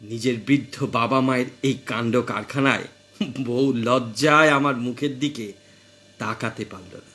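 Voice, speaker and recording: A man's voice: medium pitch, unhurried, pushed and bright. A man narrating a comic short story with dry, wry asides.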